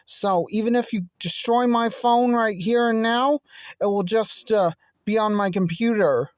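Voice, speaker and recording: An earnest teenage boy who dreams of being a hero stands his ground against a bully, voiced by a fan actor. He speaks in a plain voice at an unhurried pace. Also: medium pitch, no echo, clean studio sound, voice pushed up, lightly acted. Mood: determined. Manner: stubborn, threatening to tell on a bully. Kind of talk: fan voice acting.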